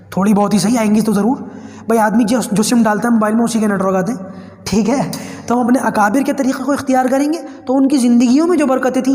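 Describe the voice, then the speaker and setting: High-voiced man teaching slow spelling drills. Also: a little mellow, reverberant, in a large hall. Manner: slow drawn-out spelling drills between brisk explanations. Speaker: Quran reading teacher. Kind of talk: spelling lesson for learners.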